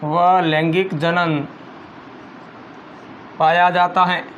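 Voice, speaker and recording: A man with a high voice teaches a school biology class at an unhurried pace, repeating each phrase so students can copy it. A soft hum of air conditioning and distant traffic sits behind him. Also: level tone, dull audio. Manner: slow, repeats phrases for dictation. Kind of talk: school biology lesson, dictating notes.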